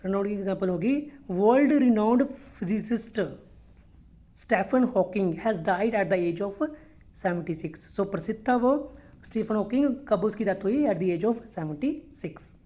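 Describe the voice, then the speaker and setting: A woman's voice: medium pitch, unhurried, warm tone. A woman teaching English vocabulary for a test, explaining words in Hindi mixed with English, repeating each one for pronunciation and checking in with "okay?". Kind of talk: vocabulary lesson for test prep.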